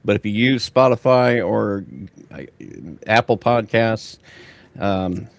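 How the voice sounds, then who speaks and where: Low voiced american dude rambling on a podcast, dry close mic. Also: male voice, slow, dry recording. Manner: rambling, folksy, restarts often. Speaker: podcast co-host. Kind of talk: casual chat.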